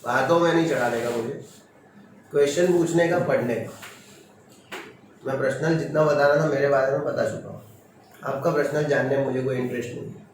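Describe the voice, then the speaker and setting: Stern teacher in an echoey classroom. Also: male voice, medium pitch, brisk, long pauses. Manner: firm, stern, quizzes students with short questions. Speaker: chemistry teacher. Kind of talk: classroom lecture. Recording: echoey classroom from far off, noisy.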